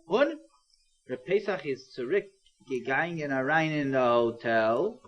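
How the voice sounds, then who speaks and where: A man telling a story to young children, animated and singsong, with plenty of repetition. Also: mid-range voice, slow. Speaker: storyteller and educator. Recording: dull old cassette transfer.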